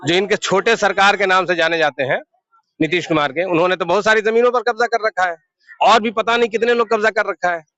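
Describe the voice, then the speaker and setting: A man's voice: sits high, steady tone, brisk, bright, forceful tone, dry recording. A man from Bihar answering indignantly in a street interview, firing back questions. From Bihar, India. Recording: dull lo-fi sound.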